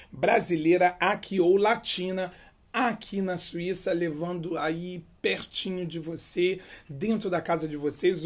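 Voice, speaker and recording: A middle-aged man with a Brazilian Portuguese accent, hosting a TV interview in a hotel studio set, with announcer-style intros and probing questions. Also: fairly high pitch. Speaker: interviewer and show host.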